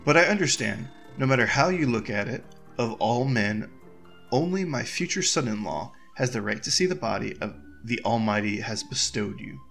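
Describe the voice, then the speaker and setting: A courtly king who speaks formally and teases his daughter with dry wit, as a man reads the lines in a near-natural voice. He sounds measured and regal, a video-game monarch. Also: medium pitch, expressive, gravelly, fairly bright tone, faint music behind. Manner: formal, courtly, mildly teasing. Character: formal old king, dry teasing father. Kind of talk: reading game dialogue aloud.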